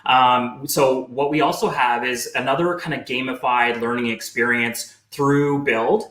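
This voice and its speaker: A man's voice: medium pitch, steady tone, unhurried, fairly bright tone. A man co-hosting a live show, talking in a chatty, encouraging way with lots of fillers and restarts. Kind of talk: casual live-show chat. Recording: echoey room.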